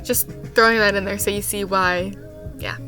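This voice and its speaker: Bright-voiced exasperated young woman ranting. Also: mid-range voice, fairly even intonation, moderate pace, soft background music. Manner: exasperated rambling rant, heavy use of "like". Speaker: youth camp counselor. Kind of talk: casual storytime vlog.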